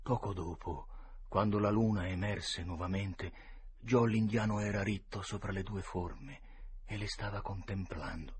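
A man narrating a classic adventure novel aloud in a dramatic, expressive reading. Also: on the low side, breathy edge. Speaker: reader. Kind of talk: storybook narration.

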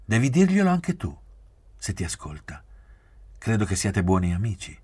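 A man's voice: sits low, moderate pace, darkish tone, breathy edge, dry recording. A man reading aloud, putting on the voice of a temperamental, imperious young woman who speaks sternly. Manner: stern, commanding.

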